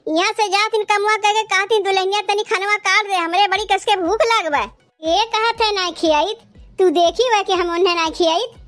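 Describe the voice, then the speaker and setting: Quarrelsome young Awadhi village wives, voiced by a woman, taunting, bickering, very high voice, cartoon. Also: a bit bright. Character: quarrelsome young village daughters-in-law, sharp-tongued.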